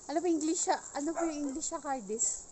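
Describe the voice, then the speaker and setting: A woman with a fairly high voice and a northern Philippine regional accent gives a casual village vlog tour. Her Tagalog is halting, polite and mixed with English, as it is not her first language. The outdoor recording is clearly noisy, with insects and animals behind her. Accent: Igorot-region Philippine accent. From rural Ilocos Sur, Philippines. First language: an Igorot language of the northern Philippines. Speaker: vlogger.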